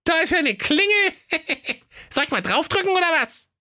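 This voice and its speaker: A man's voice: very high-pitched, sing-song, moderate pace, bright, forceful tone, no room sound, clean studio sound, voice pushed up, heavily acted. A man doing a cheeky little boy. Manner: cheeky and careless. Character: cheeky, fearless little boy, seven years old.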